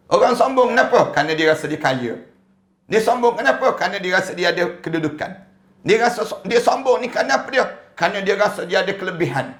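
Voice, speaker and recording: A man with a Malaysian accent preaching a sermon, animated and full of rhetorical questions. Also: high voice. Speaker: Islamic preacher.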